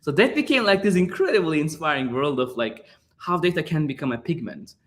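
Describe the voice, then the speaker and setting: A guest artist, a Turkish man in his thirties with a Turkish accent, answers interview questions in a searching way, full of fillers and repeated words. His voice runs on the high side, with lively intonation and a fairly quick pace.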